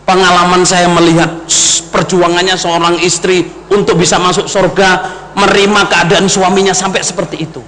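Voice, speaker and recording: A man's voice: high voice, level tone, normal speed, fairly bright tone. A man with an East Javanese accent preaching a storytelling sermon, speaking straight to his congregation and telling the story with big swings. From East Java. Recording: long hall reverb with faint background noise.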